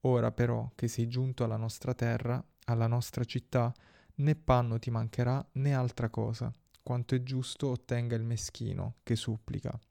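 A man voicing a gracious and commanding young princess, in a solemn, measured recitation. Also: mid-range voice, little pitch movement, creaky, dark tone, close to an everyday voice.

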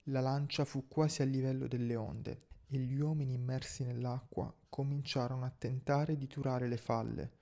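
A man reading a sea adventure aloud in steady scripted narration. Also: mid-range voice, moderate pace, gravelly, few pauses.

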